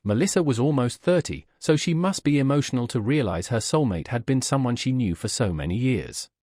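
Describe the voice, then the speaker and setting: A man narrating a romance fanfiction story in an expressive, dramatic reading. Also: mid-range voice, fairly quick, no echo, clean studio sound. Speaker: fanfiction reader.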